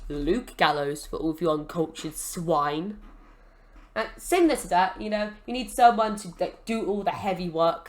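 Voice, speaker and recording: A young woman giving rambling, chatty commentary on a wrestling management game as a gaming channel host. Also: mid-range voice. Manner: rambling, chatty, lots of fillers. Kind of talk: casual let's-play commentary.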